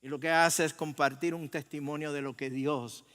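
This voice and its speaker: A man's voice: fairly high pitch, fairly even intonation, moderate pace, a bit bright. An older man with a Puerto Rican accent preaching a sermon in a conversational way, asking the congregation questions and joking. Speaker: pastor. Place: church sanctuary. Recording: long church hall reverb.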